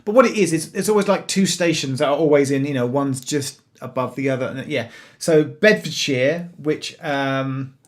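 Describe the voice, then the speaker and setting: A man's voice: mid-range voice, moderate pace, few pauses. A man with a London accent hosting a casual livestream, rambling and laughing often. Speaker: railway YouTuber host.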